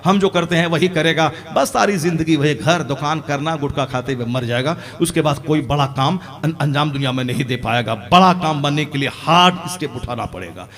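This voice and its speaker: A man preaching an impassioned sermon as an Islamic preacher, rising to loud emphatic peaks. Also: on the high side, animated, brisk, hardly any pauses.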